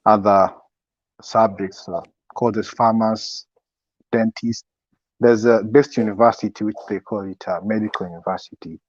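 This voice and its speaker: A young man in a casual interview, giving advice as a student guest in a halting way, often repeating his words. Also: lowish voice, steady tone. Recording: echoey, dull lo-fi sound.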